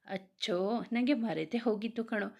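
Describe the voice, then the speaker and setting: A woman's voice: on the high side, moderate pace, creaky, darkish tone. A woman voicing a playful young male police officer who coaxes and teases his wife. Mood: affectionate coaxing. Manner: playful, coaxing.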